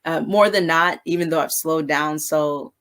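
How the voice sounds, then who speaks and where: A woman mentor giving a casual, high-energy devotional talk on business relationships, often asking "you know what I'm saying". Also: moderate pace, fairly bright tone. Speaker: faith-based business mentor.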